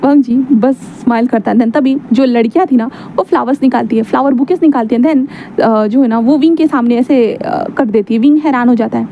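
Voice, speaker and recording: A woman's voice: a little high, brisk, few pauses, dull audio, a little hiss or hum. A woman casually retelling a fan fiction story in a chatty way, with many fillers.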